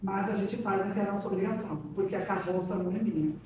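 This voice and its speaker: This podcast guest speaks fast at a medium pitch, giving an informal faith testimony and bringing her stories to life by acting out the quoted dialogue. A faint hiss or hum runs under the audio, and a far-off mic captures an echoey room.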